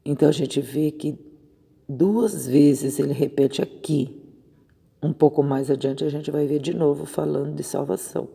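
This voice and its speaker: A woman missionary preaches an informal devotional on a Bible verse in a large hall, keeping it conversational and repeatedly checking in with listeners by asking "né?". Her deep voice is warm and slightly rough, with vocal fry.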